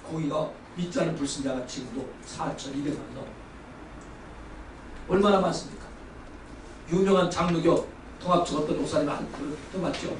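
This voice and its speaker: A male pastor giving a lively sermon lecture, exuberant and loud, often shouting and leading the congregation in call-and-response. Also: a little high, fairly quick, pauses often. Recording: roomy hall from far off, faint background noise.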